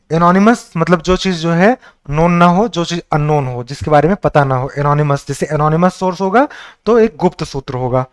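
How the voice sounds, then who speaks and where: A man from India teaches spelling for competitive exams in a patient, explaining manner. His voice sits high for a man and sounds smooth and clear. He mixes English terms into his talk and spells words out letter by letter. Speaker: English teacher for exam prep. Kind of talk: online exam-prep lesson.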